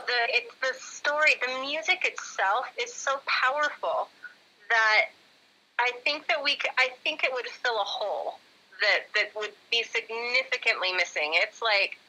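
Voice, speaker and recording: Bright, giggly woman on a tinny line. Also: fairly high pitch, animated, a little slow. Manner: giggly, teasing, rambling. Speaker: co-host and composer in a live Q&A. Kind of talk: casual live chat.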